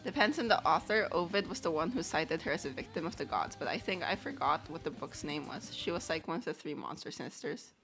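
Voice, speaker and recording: Her voice sits low yet sounds expressive and fairly bright, moving briskly with hardly any pauses over soft background music. She's drawing on a livestream, rambling chattily and reading chat questions out loud.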